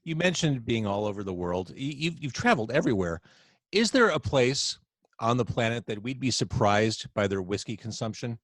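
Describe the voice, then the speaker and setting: At a normal speed and mid-range pitch, a man's voice comes through a dry video-call recording. As a podcast host quarantined at home, he runs a casual, jokey, lively chat.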